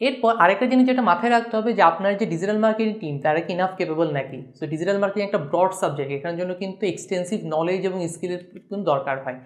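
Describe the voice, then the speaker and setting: Fast-talking Bangladeshi woman teaching. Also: medium pitch. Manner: brisk explaining, mixing English terms. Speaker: course instructor. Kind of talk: online lecture.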